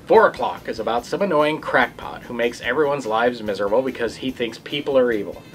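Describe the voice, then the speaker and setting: A man co-hosting a horror host show with deadpan, scripted comic commentary. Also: medium pitch, brisk, soft background music.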